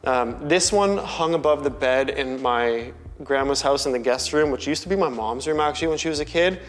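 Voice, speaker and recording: A young man, casually talking through a tour of his loft apartment in a relaxed way, with lots of filler words. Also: mid-range voice, normal speed. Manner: chatty, relaxed, full of "like" and "um" fillers. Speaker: vlogger giving a home tour. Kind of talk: casual home tour talk. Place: large loft apartment indoors.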